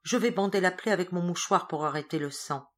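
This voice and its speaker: A woman reading the part of a kindly elderly churchman, speaking gently and reassuringly in an audiobook. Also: on the low side, a little fast, close to an everyday voice. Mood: urgent. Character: kindly elderly male churchman, calm and consoling.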